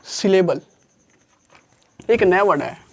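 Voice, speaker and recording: A grammar teacher giving a classroom lesson, repeating each point and slowly dictating definitions word by word. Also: mid-range voice, animated, gravelly. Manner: repeats points and asks questions before answering them.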